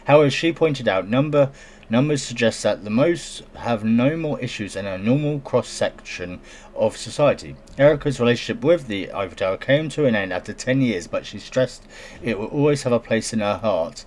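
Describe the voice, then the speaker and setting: A man's voice: mid-range voice, lively intonation, moderate pace, darkish tone, slight background noise. Giggly, sarcastic man reading news. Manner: giggly, sarcastic, stumbles while reading aloud. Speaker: commentator reacting to a news story. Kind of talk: casual reaction commentary.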